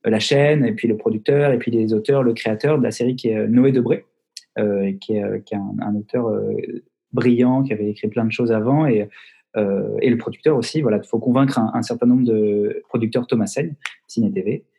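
Man, actor, video call interview, joking tone, mellow, slightly husky. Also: mid-range voice, steady tone, fairly quick. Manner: jokey, teasing with mock-serious tall tales. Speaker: actor guest.

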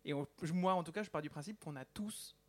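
A man's voice: a little high, fast talker. A young man, speaking as a panellist in a casual round-table discussion.

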